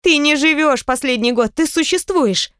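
A woman voicing a lively, bossy, caring middle-aged stepmother in an audiobook, high and animated in her scolding. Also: moderate pace, no room sound, studio quality. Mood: indignant.

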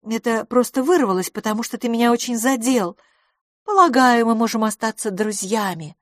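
A woman plays a flighty young society woman, coy and cautious. Her lines come out airy and hesitant, lifted up high. The recording is dry and close. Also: normal speed, dry recording, close to an everyday voice.

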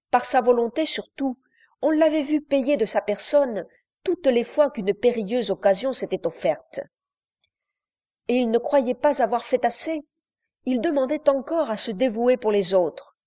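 A woman narrating a classic novel aloud in a measured, literary reading style. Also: a little high, lively intonation, warm tone. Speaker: audiobook narrator. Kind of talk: scripted narration.

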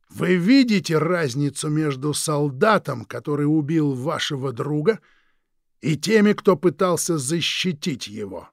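A man's voice: fairly high pitch, gravelly, no echo, clean studio sound, pitched above the performer's own voice, full character voice. A man voicing a sinister, mocking male villain in an audiobook, stretching his words with sneering politeness. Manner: slow, drawn-out, sneering politeness. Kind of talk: audiobook reading.

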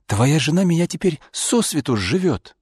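A man putting on a flustered young mistress in an audiobook, her voice pitched high and breathless with alarm. She sounds caught out and frantic, and the reading is dry and close to the mic. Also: very animated, normal speed, darkish tone, husky, no room sound.

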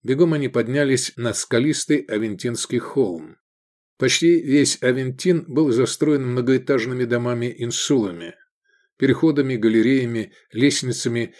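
A man with a medium-pitched voice narrates an audiobook from a script, reading in an expressive, measured way.

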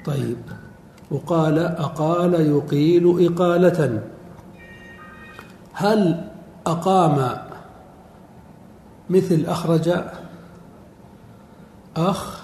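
Slow-speaking man lecturing in an echoey hall. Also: a little high, dark tone. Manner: slow, drawn-out words, quizzing his class. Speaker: teacher of Arabic morphology. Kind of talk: classroom lecture. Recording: echoey hall with faint noise.

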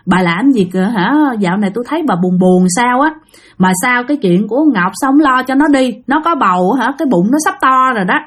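A woman's voice: a little high, animated, brisk. Woman doing a coaxing, chatty old friend. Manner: pleading, chatty, familiar. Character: coaxing middle-aged woman talking to her old friend.

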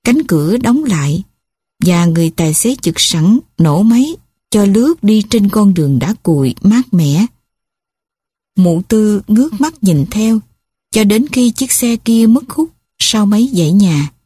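A woman narrating an audiobook story in a measured, steady reading. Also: mid-range voice, slightly rough, dry recording. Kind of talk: scripted narration.

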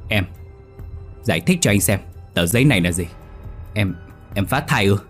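A man's voice: fairly low pitch, animated, moderate pace, soft background music, close to an everyday voice. A man playing a furious, betrayed husband. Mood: shocked, accusing. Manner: accusing, shouting in anger.

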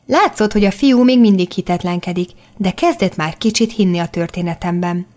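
A woman narrating a children's novel in the first person, telling it evenly and clearly. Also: lowish voice. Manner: even, clearly articulated storytelling. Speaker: audiobook narrator.

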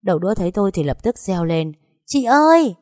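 A woman narrating a first-person audiobook in a calm, even storytelling manner, on a close microphone. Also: fairly low pitch, racing, dry recording.

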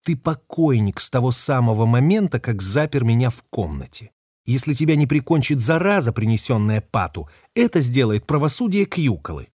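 A man's voice: medium pitch, very animated, normal speed, no room sound, studio quality. A man voicing a fierce, defiant young woman ship captain who talks sharply and curses. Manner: sharp, cursing, hissing. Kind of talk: audiobook character voice.

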